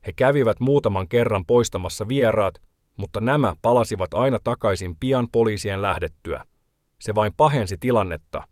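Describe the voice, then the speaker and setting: Male reporter, lowish register, measured feature voice-over, dry booth sound. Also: a little mellow, no room sound. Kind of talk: scripted documentary narration.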